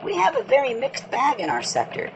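A woman's voice: sits high, slight background noise, heavily acted. A woman playing an eager elf field reporter. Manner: brisk, excited reporting. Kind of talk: mock radio news report.

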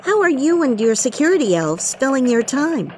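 A woman's voice: high-pitched, very animated, moderate pace, a little hiss or hum. Woman playing a perky elf newsreader. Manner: bright, bouncy newsreader delivery. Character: chipper female elf news reporter. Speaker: news anchor. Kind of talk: mock radio news report.

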